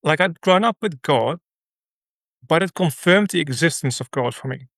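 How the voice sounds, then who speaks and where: A man from the Netherlands with a Dutch accent, a ministry leader recounting his story as an interview guest in an earnest, halting way with many fillers. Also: a little high, expressive, a bit bright, no room sound. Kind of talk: conversational interview.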